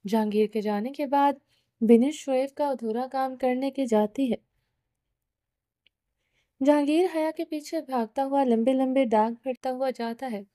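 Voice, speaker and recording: A woman narrating a novel aloud in a steady reading voice with small restarts. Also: sits high, no room sound, clean studio sound. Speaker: novel reader. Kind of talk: audiobook narration.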